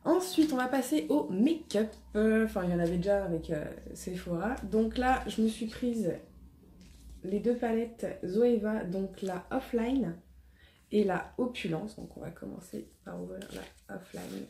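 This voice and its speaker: A woman's voice: mid-range voice, measured pace, creaky, mellow. A woman, hesitant and chatty in a casual beauty haul video, with many fillers. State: slight cough after illness. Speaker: beauty vlogger. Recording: echoey room, faint noise.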